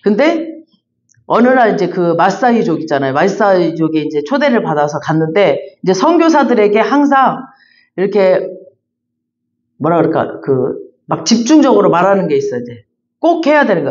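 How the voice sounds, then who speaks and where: A woman pastor preaching in a chatty, animated storytelling manner, full of repeated fillers. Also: medium pitch, moderate pace. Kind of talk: storytelling sermon. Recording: dull lo-fi recording.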